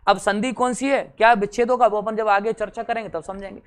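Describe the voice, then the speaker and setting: Brief: young male teacher, smooth resonant tone, teasing classroom chat, quizzes the class. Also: sits high, fairly even intonation, fast talker. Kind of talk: exam-prep lecture.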